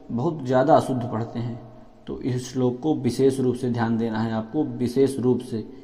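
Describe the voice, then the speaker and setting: A man teaching a hymn, chanting each verse slowly and dropping into brief softer spoken explanations between them. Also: medium pitch. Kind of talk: slow chanted recitation with quick spoken explanations. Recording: dull echoey hall with faint music.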